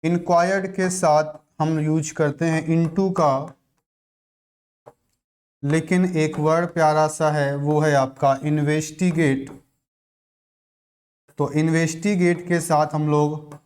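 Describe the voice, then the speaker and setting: A man teaching a grammar lesson for exam students. His voice sits a little high and he talks slowly. He goes over each rule again and again as he explains it. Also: steady tone, a little mellow. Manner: slow, repetitive explaining, restating each rule.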